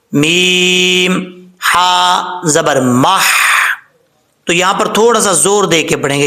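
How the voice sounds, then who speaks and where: A man teaching Quran recitation, patiently spelling out syllables slowly and chanting the verses. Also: high-pitched, bright, forceful tone. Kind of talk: tajweed lesson, spelling out and reciting words slowly.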